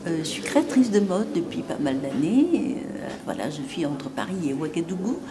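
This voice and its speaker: A woman's voice: fairly low pitch, sing-song. Fashion designer woman with fillers. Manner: measured, with frequent fillers. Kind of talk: interview testimony. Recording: noisy ambience behind.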